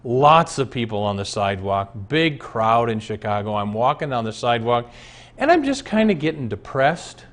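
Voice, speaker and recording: A man's voice: mid-range voice, sing-song, moderate pace, a bit bright. A middle-aged man preaching on a televised show, earnest and rising to emphatic peaks on key points. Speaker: pastor. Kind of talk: televised sermon.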